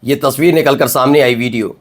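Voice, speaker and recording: A man hosting a news commentary show, emphatic and full of rhetorical questions and drawn-out pauses. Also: mid-range voice. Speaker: news anchor.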